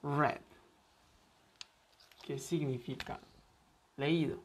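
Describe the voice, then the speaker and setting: Pitched a little high with fairly even intonation, this English teacher works slowly through a pronunciation lesson. He says every word again and again for his students to practice, while faint hiss sits under the recording.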